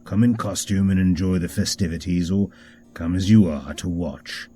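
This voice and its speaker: A man narrating a mystery game script in a measured, descriptive storytelling manner. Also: deep voice, mellow, slight background noise.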